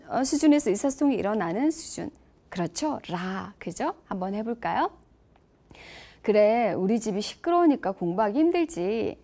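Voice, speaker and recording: A woman's voice: a little high, a little mellow. A middle-aged woman lecturing on levels of empathy, engaging listeners with questions. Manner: engaging, asks audience questions.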